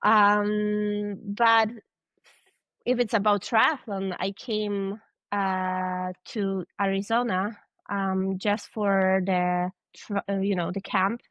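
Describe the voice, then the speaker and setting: Speaking slowly with a level, fairly bright mid-range voice, a young triathlete from Poland appears as a guest on a casual podcast. Her English is hesitant, full of restarts, word-searching and light laughter, on a dry but dull-sounding recording.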